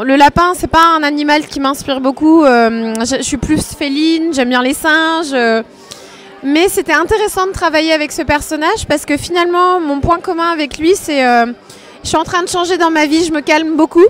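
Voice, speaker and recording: Woman from France, rather high voice. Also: moderate pace, fairly bright tone. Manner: hesitant, many fillers. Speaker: dancer, interview guest. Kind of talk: casual interview chat.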